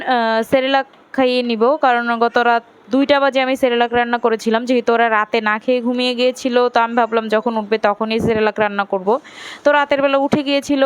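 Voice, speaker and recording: A woman's voice: fairly high pitch, clean tone. A young woman from Bangladesh, a mother, narrating her family vlog in a chatty, step-by-step way with many fillers. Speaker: vlogger, mother of young children. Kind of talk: casual vlog voice-over narration.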